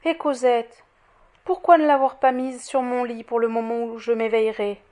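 A woman's voice: fairly high pitch, flat delivery, normal speed, dark tone, natural voice. A woman voicing a feverish young mother who pleads impetuously for her child. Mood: gentle.

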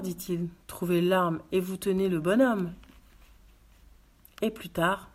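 A woman reading a story aloud with calm, steady narration. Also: lowish voice, husky. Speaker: reader. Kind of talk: audiobook narration.

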